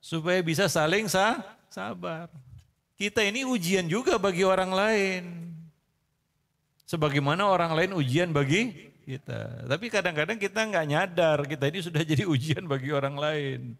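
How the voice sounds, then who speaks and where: A man's voice: on the high side, moderate pace, gravelly, fairly bright tone. A man giving a casual sermon to a congregation, bantering, quizzing his listeners and laughing often. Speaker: preacher. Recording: long reverb of a hall.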